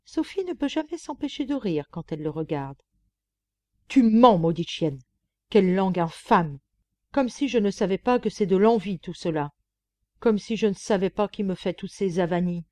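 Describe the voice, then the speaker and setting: A woman's voice: mid-range voice, lively intonation, normal speed, dark tone, no room sound, close to an everyday voice. Woman reading as a deluded, indignant clerk. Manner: exasperated, scornful outbursts. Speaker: audiobook reader. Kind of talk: audiobook narration.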